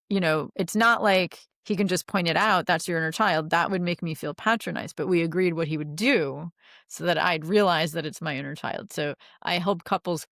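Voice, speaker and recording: Gravelly low-pitched woman, chatty coach. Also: fairly bright tone, dry recording, clean studio sound. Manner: chatty, many "like" fillers, laughs easily. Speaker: relationship coach. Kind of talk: podcast interview answers.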